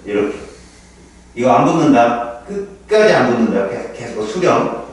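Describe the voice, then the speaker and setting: A man tutoring a student in chemistry in an informal one-on-one session, explaining lively with rhetorical questions. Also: mid-range voice, moderate pace. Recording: echoey room, heard from a distance.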